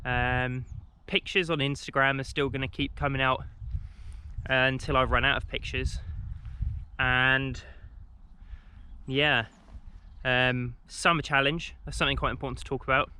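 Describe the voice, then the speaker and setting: A man's voice: medium pitch, level tone, a little slow, pushed and bright, slight background noise. A young man from England walking outdoors and chatting to a handheld camera, rambling with many ums and restarts. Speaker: walking vlogger. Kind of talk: casual talk to camera while walking. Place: outdoors on a country walk.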